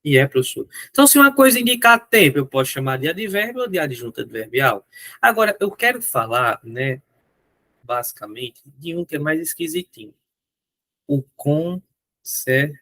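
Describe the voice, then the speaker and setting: Lively Brazilian male teacher. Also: a little high, moderate pace, no echo. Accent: Brazilian Portuguese. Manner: animated, asks questions and answers them himself. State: strained throat. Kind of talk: online grammar lesson.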